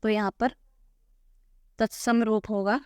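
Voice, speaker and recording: Patient woman teaching Hindi, clear voice. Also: mid-range voice, level tone, slow pace, a little mellow, no echo, studio quality. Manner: patient, repeats "ठीक है" often. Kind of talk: explaining textbook answers.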